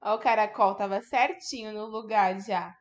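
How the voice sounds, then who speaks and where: A woman's voice: mid-range voice, fairly even intonation, moderate pace, highs cut off. A woman teaching a remote lesson to young children, patiently sounding out words syllable by syllable. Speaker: primary school teacher.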